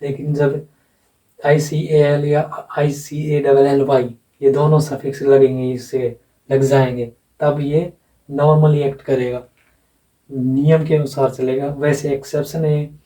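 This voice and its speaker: A man's voice: fairly high pitch, level tone, slow pace, mellow. A man teaching phonetics, explaining step by step, repeating words and spelling them out letter by letter. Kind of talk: blackboard lesson explanation. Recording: echoey room, voice from a distance.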